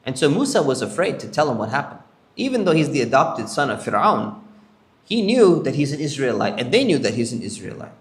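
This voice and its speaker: A man's voice: mid-range voice, big pitch swings, a little fast, roomy sound. A sheikh telling prophet stories to a congregation, acting out the characters' lines as he goes. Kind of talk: storytelling lecture. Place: Islamic center hall.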